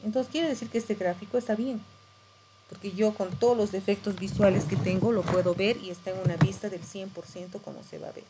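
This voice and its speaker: A woman's voice: mid-range voice, fairly even intonation, a little fast. Middle-aged lady teaching a lesson, patient, faint background hiss. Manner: patient, instructive, frequent tag questions. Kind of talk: screen-share tutorial lesson.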